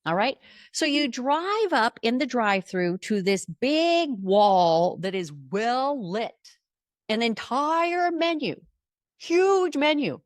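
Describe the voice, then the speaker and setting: An emphatic woman gives a motivational podcast monologue as a life coach and leans hard on repeated key words. Her pitch moves in a lively way, and the recording is dry and close with no room sound. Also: dry recording.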